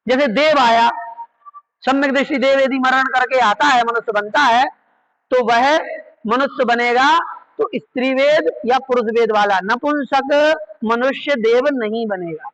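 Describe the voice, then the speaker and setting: A man's voice: very high-pitched, unhurried, a bit bright, lo-fi sound. A man teaching a class on religious scripture, patiently repeating key terms and checking that his listeners follow. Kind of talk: slow explanatory class on Jain scripture.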